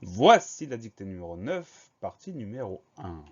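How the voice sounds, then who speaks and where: A man's voice: fairly low pitch, very animated, moderate pace, a little mellow, slightly rough, lo-fi sound. A man teaching a spelling lesson to primary pupils, methodically spelling each word out letter by letter.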